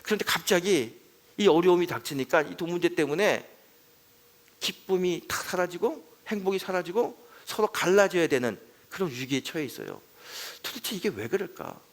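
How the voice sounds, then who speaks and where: Impassioned Korean pastor preaching. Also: male voice, sits high, lively intonation, normal speed. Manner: swings from soft storytelling to loud pleading in acted prayers. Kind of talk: revival sermon storytelling. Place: church sanctuary.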